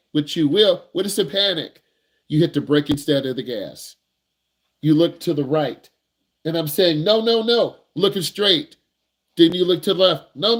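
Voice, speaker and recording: A man teaching as a driving instructor, talking to camera in an animated, emphatic way and acting out nervous students now and then. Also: on the high side. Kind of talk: energetic instructional talk to camera.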